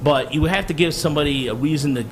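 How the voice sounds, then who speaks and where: A man from Michigan hosting a sports podcast, sharing blunt, animated opinions in casual chat. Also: on the high side, fast talker, slight background noise.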